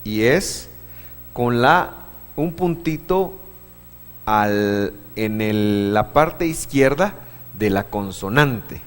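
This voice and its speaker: A man teaching a church class, patient, asking the room questions, with many halting restarts. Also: lowish voice, animated, clean tone. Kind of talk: classroom lesson on Hebrew vowels. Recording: long hall reverb.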